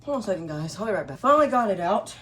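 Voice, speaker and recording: A woman with a medium-pitched, very animated voice races through a casual, unscripted gadget unboxing video she's hosting, muttering to herself and thinking aloud. The recording is noisy and has clicks.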